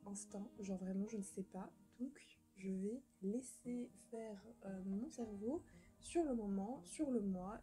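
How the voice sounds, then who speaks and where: In a rough recording, a young woman with a warm, medium-pitched voice casually chats about books she intends to read. As a book vlogger she rambles, jokes about herself, and fills her talk with fillers and restarts.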